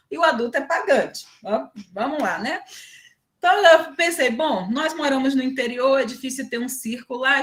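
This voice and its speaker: A woman with a Brazilian Portuguese accent giving a university talk, mixing academic points with lively personal anecdotes and tagging her sentences with "né". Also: high-pitched. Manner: frequent "né" tags, lively storytelling. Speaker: university lecturer.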